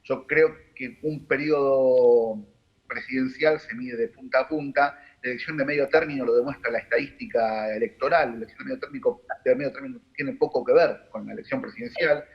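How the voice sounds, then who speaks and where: A man with a Rioplatense Argentine accent, a political analyst giving measured, analytical answers on a panel, with frequent fillers and restarts. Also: medium pitch, highs cut off. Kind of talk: broadcast panel discussion.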